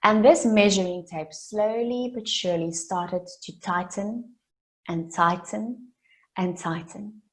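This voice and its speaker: A native Afrikaans speaker from South Africa, a woman in her late twenties, delivers an earnest motivational keynote at a summit. Her voice is mid-range, and she builds her story through deliberate repetition.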